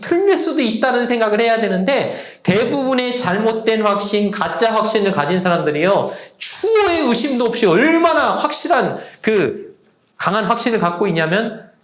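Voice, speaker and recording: A man pastor preaching a sermon to a youth service, lively, acting out the voices he quotes. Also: sits high, roomy sound. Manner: animated, acts out quoted voices. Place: church sanctuary.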